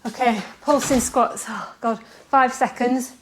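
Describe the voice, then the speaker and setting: A woman with a high-side, steady voice gives workout instruction outdoors at an unhurried pace, background noise audible. She's a fitness coach doing the bodyweight exercises as she describes them, chatty and slightly breathless.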